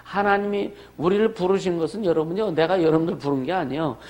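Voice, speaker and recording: A man's voice: high-pitched, fast, a little mellow. A male pastor preaching a sermon in a conversational way, asking the congregation questions and calling for amens. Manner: conversational preaching with rhetorical questions and calls for amen.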